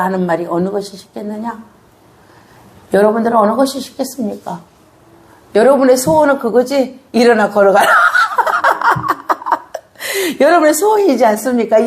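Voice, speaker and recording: A high-pitched middle-aged woman pastor delivers a lively sermon. She teases her listeners with rapid questions and laughter, then rises into shouting, tearful fervor. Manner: animated, teasing the congregation with questions and laughter.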